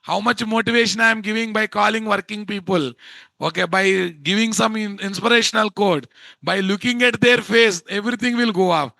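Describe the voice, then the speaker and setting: A man with a Telugu Indian accent teaching an informal live software class in an exasperated, scolding way, often firing rhetorical questions at his students. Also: high-pitched, fairly quick, gravelly, no echo. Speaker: instructor of a software course.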